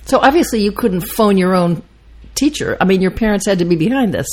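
A woman's voice: mid-range voice, lively intonation, a little fast, a little hiss or hum. A woman hosting an interview show, chatty and cutting in with questions. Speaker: host.

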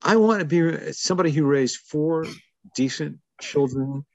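A man in his seventies speaks in a gravelly, creaky voice. He reflects at an easy, thoughtful pace and leans into wry humor. The recording is dry and a little dull. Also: on the high side, unhurried, darkish tone, no room sound. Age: 70s. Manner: thoughtful, wry, chuckles between stories. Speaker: interviewee. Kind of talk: reflective conversational storytelling.

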